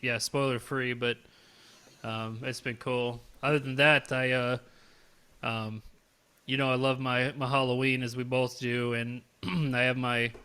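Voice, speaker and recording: A man co-hosting a podcast in a relaxed, rambling way, laughing now and then. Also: mid-range voice, clean tone. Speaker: podcast co-host. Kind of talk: casual chat.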